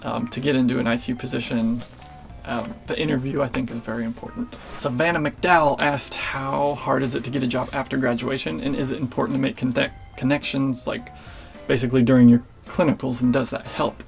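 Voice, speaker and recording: Gravelly young man, flat delivery. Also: medium pitch, brisk, faint music behind. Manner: relaxed, filler-heavy, restarts. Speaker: nurse answering viewer questions. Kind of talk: casual Q&A vlog.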